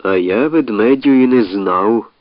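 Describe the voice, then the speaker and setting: A man's voice: lowish voice, measured pace, dry recording, highs cut off, lightly acted. A man voicing a commander who teases a comrade in a dry, wry way. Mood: teasing.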